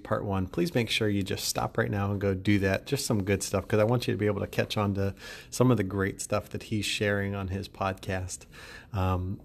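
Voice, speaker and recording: A man's voice: fairly low pitch, creaky. A male podcast host speaking in an upbeat, chatty solo monologue and joking with his listeners.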